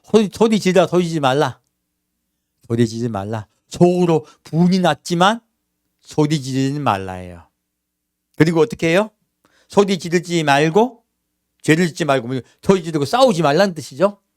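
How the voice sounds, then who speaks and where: Pastor preaching in a church, man, lively swinging pitch, dry close sound, chatty with rhetorical questions. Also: normal speed, no echo. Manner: conversational preaching with frequent rhetorical questions to the congregation; acts out everyday quotes in character voices. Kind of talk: sermon.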